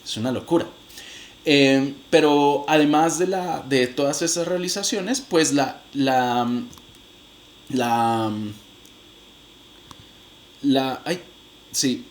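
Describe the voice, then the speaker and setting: Man teaching phonetics, slow and halting. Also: medium pitch. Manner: demonstrates sounds, hesitant restarts, addresses viewers directly. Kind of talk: recorded lecture.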